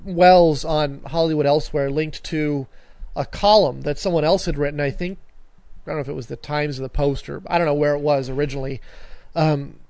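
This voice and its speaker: A man's voice: a little high, fairly even intonation, a little fast, darkish tone, dry recording. Chatty man on a dry close mic. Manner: rambling, self-correcting, enthusiastic. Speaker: podcast co-host. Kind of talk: casual chat.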